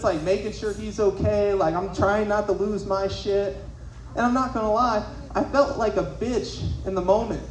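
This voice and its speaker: On a club stage, a young man with a high, slightly mellow voice does a loose, profane stand-up set of conversational storytelling. The room is echoey with faint ambience, and there's a little hiss or hum.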